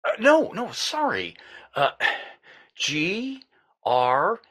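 A man's voice: sits high, huge pitch swings, very slow, fairly bright tone, full character voice. An actor playing a flustered, exasperated salesman who stammers in a comedic short film. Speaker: equipment salesman.

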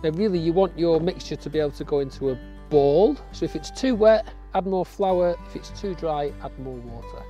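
A man's voice: on the high side, lively intonation, fairly quick, dull audio, over music. Friendly man guiding an outdoor cooking lesson. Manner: friendly, step-by-step instructional. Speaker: family nature educator. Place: outdoors in woodland.

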